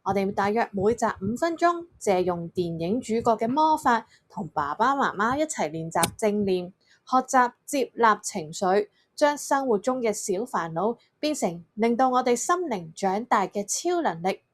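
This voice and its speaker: A woman with a Hong Kong Cantonese accent, presenting a scripted mindfulness lesson for children as a gentle emotion coach. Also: mid-range voice, big pitch swings, moderate pace.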